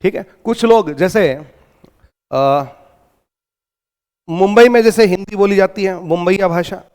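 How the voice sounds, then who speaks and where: A man's voice: high-pitched, a little slow, darkish tone, smooth, big-room sound. An Indian man with an Indian accent giving an exam-prep lecture, explaining and then answering his own questions. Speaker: exam-prep English teacher. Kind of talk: lecture in Hindi mixed with English terms.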